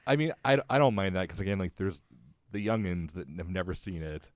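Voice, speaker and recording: A man's voice: sits low, lively intonation, a little fast, dry recording. A man hosting a podcast, bantering in a playful, casual way. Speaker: podcast host.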